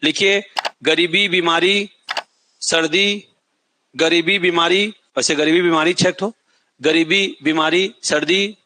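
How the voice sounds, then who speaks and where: High, bright-voiced male teacher dictating notes. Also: steady tone, slow. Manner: repeats key words, asks students if they remember; sings a film line as an example. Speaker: coaching teacher. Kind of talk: classroom lecture, dictating notes.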